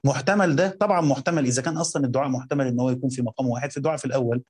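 A man with an Egyptian Arabic accent teaching a Quran commentary lesson, reading quotes slowly and then explaining them in colloquial talk while questioning his students. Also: medium pitch, a little mellow, breathy edge.

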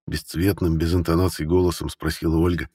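A male audiobook narrator reading in a measured, even manner. His voice is very deep and husky, and a long reverb trails each line. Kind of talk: scripted narration.

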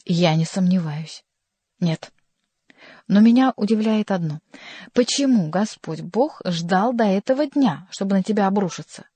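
A woman's voice: mid-range voice, lively intonation, unhurried, warm tone, husky, no room sound. A woman doing a mocking sly court jester. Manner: teasing, ironic.

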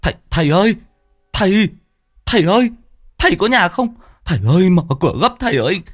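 A man's voice: high voice, animated, fairly quick, dry recording, clean studio sound, faint music behind, pitched above the performer's own voice. A man voicing a panicked young village man, the eldest son, pleading frantically and tearfully in a storybook tale. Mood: frantic.

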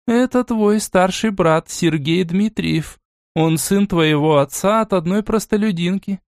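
Man playing an aristocratic old grandmother, stern, measured, cool, commanding, audiobook, dry close recording. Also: sits high, no room sound, pitched above the performer's own voice. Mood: calm.

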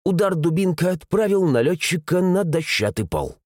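A man narrating a first-person adventure audiobook in an animated, dramatic reading. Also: high voice, moderate pace, no room sound, clean studio sound.

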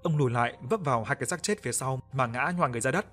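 A man's voice: mid-range voice, soft background music. Man narrating a horror audiobook. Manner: steady, measured storytelling. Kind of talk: scripted story narration.

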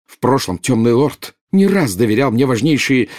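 A man's voice: mid-range voice, very animated, normal speed, a little mellow, voice pushed up. A man voicing a furious, jealous witch in an audiobook, bursting out in scornful, indignant retorts.

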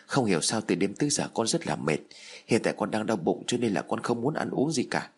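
Male narrator doing a weak young wife in pain, tired and husky. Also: medium pitch, lively intonation, normal speed, pitched above the performer's own voice. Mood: weary. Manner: weary, pained.

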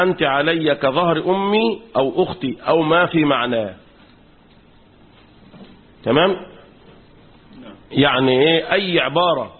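Husky Egyptian sheikh quizzing his class. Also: a little high. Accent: Egyptian Arabic. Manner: quizzes the class with fill-in questions. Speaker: sheikh teaching Quran commentary. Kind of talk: classroom lecture. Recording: tinny phone-like recording.

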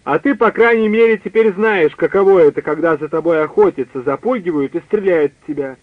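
A man reading aloud who voices an excitable, edgy adult man, alarmed then taunting. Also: on the high side, brisk, no echo, lightly acted. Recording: dry tinny phone-like line.

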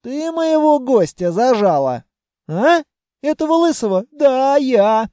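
A man's voice: very high-pitched, very animated, slow pace, dark tone, no room sound, clean studio sound, voice pushed up, heavily acted. A man voicing a mischievous, possessive female spirit of a treasury vault in an audiobook. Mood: teasing. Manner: teasing, possessive.

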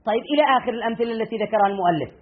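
A man teaching a classroom grammar lesson as a sheikh, questioning his students and repeating key phrases slowly. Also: high-pitched. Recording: tinny lo-fi lesson recording.

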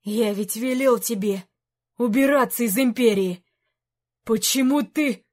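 A woman voicing a stern aging king who speaks slowly and gravely to a knight who disappointed him. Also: a little high. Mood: grave reproach. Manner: slow, grave, measured.

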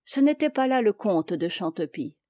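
A woman narrating a classic tale as an audiobook reader, measured and calm. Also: mid-range voice, no room sound, studio quality. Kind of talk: scripted narration.

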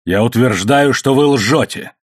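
A man reading the part of a grim, furious English gentleman held in chains, bitter and accusing. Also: mid-range voice, a little slow, slightly rough, no echo, clean studio sound, pitched above the performer's own voice. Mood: angry.

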